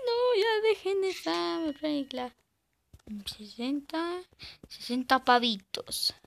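A woman's voice: high-pitched, gravelly. A woman gives casual, hesitant commentary while playing a game and sometimes squeals in panic. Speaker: gaming channel host.

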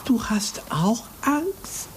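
A woman's voice: high-pitched, sing-song, moderate pace, slight background noise. A woman voicing a timid, cowardly male hare in a puppet play, wailing and pleading in panic. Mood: reluctant.

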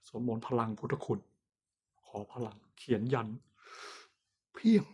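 A man working as a fortune teller, talking casually to his viewers in a chatty, self-mocking way with frequent laughs and drawn-out fillers. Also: medium pitch, sing-song, dark tone, husky. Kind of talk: casual horoscope talk to camera.

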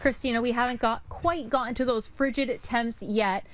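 A young woman delivers a live news report from outdoors at night. Her delivery is clear and measured. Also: fairly high pitch, fairly even intonation. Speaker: field reporter.

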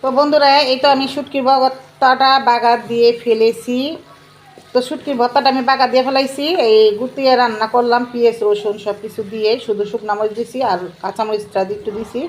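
A woman, narrating a casual home cooking vlog and chatting warmly with her viewers as friends. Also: fairly high pitch, level tone, fast. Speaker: cooking vlogger.

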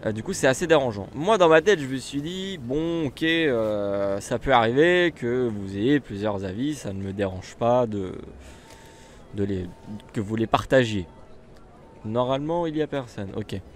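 A man's voice: medium pitch, lively intonation, a little slow. A man with a French accent casually commenting while he plays a bus simulator, chatty and rambling with lots of fillers and restarts. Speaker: gaming YouTuber.

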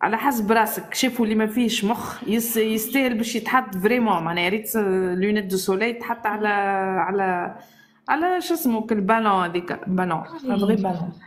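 A woman's voice: medium pitch, quick pace. A woman calling into a live stream, teasing and mocking the host. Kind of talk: heated live stream debate.

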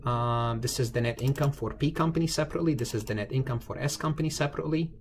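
A man who lectures in accounting gives an informal, screen-recorded tutorial, explaining step by step and often repeating and rephrasing himself conversationally. He talks fast at a medium pitch.

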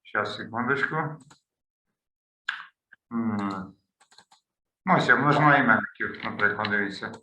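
A man's voice: lowish voice, unhurried, pauses often, pushed and bright, reverberant, a little hiss or hum, low-quality recording. A man teaching a beginners' language lesson over a video call, explaining his materials and thinking aloud as he clicks through slides. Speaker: language tutor. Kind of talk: online lesson walkthrough.

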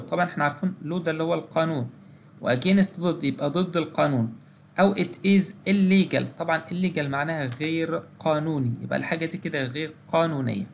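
A man's voice: a little high, vocal fry, a little hiss or hum. An English teacher with an Egyptian Arabic accent, explaining grammar step by step and asking and answering his own questions. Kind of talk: exam-prep grammar lesson.

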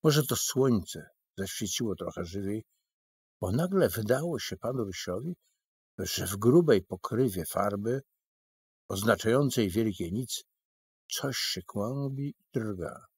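A man narrating an audiobook in slow, expressive storytelling. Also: fairly low pitch, slightly rough. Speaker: audiobook reader.

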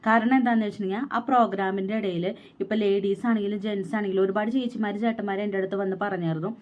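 This vlogger, a young woman who is pregnant, has a mid-range, darkish voice with a steady tone, and the audio sounds dull. She relates a personal story at speed, aggrieved, and quotes the words of others.

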